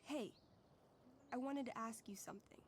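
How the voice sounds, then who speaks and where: A woman's voice: a little high, moderate pace, a little hiss or hum, natural voice. A woman voicing a candid, geeky teenage schoolgirl in a video game, chatting in a friendly, casual way.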